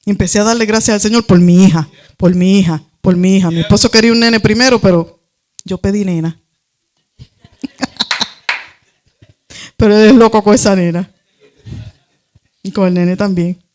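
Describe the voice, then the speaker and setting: A woman's voice: mid-range voice, normal speed, pauses often, darkish tone. A woman giving a fervent, conversational testimony sermon in church, speaking straight to her listeners. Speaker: preacher.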